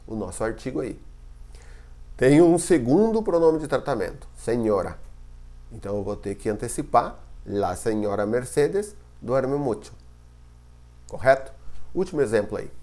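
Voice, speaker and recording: This Spanish teacher speaks in a mid-range, slightly mellow voice with a Brazilian Portuguese accent. Giving a recorded grammar lesson, he works through it step by step and frequently makes sure his students are keeping up.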